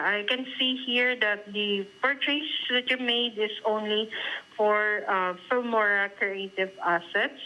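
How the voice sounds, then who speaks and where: A woman working as a customer support agent, explaining a purchase on a call in a polite, measured way. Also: medium pitch, pushed and bright, poor audio.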